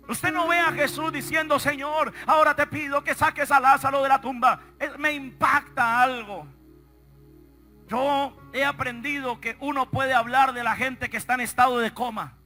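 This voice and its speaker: A man preaching a dramatic sermon in a large auditorium, telling a story and calling out to the congregation. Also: very high-pitched. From Colombia. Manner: dramatic storytelling with sudden shouted calls to the crowd.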